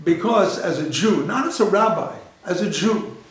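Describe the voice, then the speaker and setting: A man's voice: high-pitched, animated, moderate pace. A man, a rabbi, telling anecdotes in a lecture, repeating phrases and acting out the dialogue. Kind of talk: storytelling lecture. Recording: very echoey lecture room.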